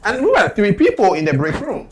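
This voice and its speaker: A man telling a lively story in a casual group chat, laughing often as he talks. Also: sits high, fairly quick.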